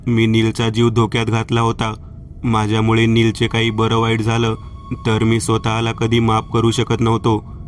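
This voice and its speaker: Guy reading a scary story super flat, sounds kinda far from the mic, light hiss behind. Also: lowish voice, normal speed. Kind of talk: narrating a horror story, reading both friends' lines.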